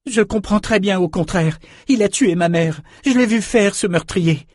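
A man's voice: sits high, normal speed, no echo, studio quality, pitched above the performer's own voice. A man voicing a furious, grief-stricken young female magician in an audiobook, screaming accusations. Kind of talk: audiobook character voice.

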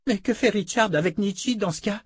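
A man doing a suspicious, higher teenage boy. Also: husky, no echo. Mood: eager. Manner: suspicious, quick to question. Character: distrustful teenage boy, fiercely loyal friend. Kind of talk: audiobook character voice.

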